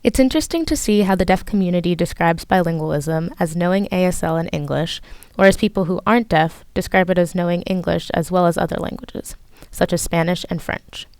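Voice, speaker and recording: A young woman, a student interpreter, narrating a calm explanatory voiceover. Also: fairly low pitch, brisk, no echo, clean studio sound. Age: young adult.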